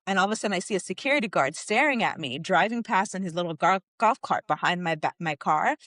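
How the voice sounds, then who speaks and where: A woman's voice: on the low side, expressive, fast, fairly bright tone, no room sound. A woman co-hosting a podcast, telling a personal story in a candid, conversational way with frequent filler words. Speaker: podcast co-host.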